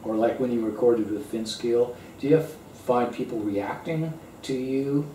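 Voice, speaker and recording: A man's voice: medium pitch, moderate pace, mellow, slight background noise. A man co-hosting a show, asking friendly, teasing, meandering questions in a home kitchen. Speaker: show co-host. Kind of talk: casual interview questions. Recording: roomy kitchen, far mic, guitar behind.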